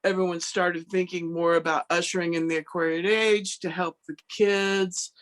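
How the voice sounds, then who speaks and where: A woman's voice: fairly low pitch, flat delivery, moderate pace. A woman hosting a casual conversation on a video call, chatty and full of fillers. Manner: chatty, lots of "like" and "you know". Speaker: host. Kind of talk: conversational interview.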